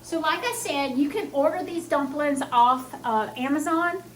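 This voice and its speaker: A high-pitched woman talks viewers through her cooking step by step. Her speech is slightly hampered by new dental braces. She is casual and folksy, with faint household noise and crinkling in the background. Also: normal speed. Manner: chatty, folksy, narrating each step as she works. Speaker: home cook hosting a cooking vlog. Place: home kitchen while cooking.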